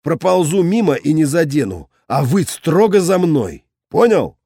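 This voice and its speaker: A hot-tempered company commander who barks and commands in a raised voice, as a male narrator plays him. The pitch swings widely, and the sound is dry and close like a storybook. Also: big pitch swings, measured pace, breathy edge, no room sound, heavily acted. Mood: commanding. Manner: shouting, commanding. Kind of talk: audiobook character voice.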